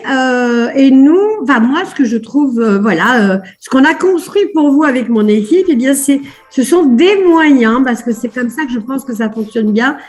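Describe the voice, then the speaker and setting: High-voiced, upbeat woman coaching a webinar. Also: a little mellow. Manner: upbeat, repeats praise words; chatty with many fillers. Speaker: life coach. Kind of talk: live online coaching webinar. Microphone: video call.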